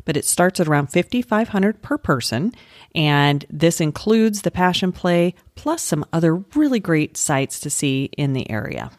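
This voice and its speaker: Low-voiced female travel podcast host. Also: very animated, moderate pace, no room sound, clean studio sound. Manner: upbeat, laughs easily. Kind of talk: casual podcast chat.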